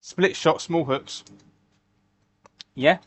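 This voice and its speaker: A man talks in an unhurried, easygoing way, answering viewers as he works. His voice sits a little higher than most men's. He lets his words stretch out slowly between tasks. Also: dry recording. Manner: relaxed, chatty, reads and answers viewer comments. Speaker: livestream host making fishing lures. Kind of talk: casual live-stream chat while crafting.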